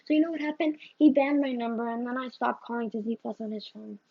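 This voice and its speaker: A slightly high-voiced woman talks fast with vocal fry, and a little hiss or hum runs under the slightly muffled phone audio. In her rambling camera rant as a vlogger, she often adds "right?" and "you know?"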